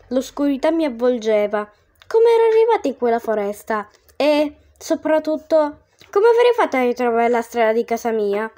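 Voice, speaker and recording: A woman narrating a story in the first person, reading expressively with dramatic, slowed emphasis. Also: sits high, a little mellow.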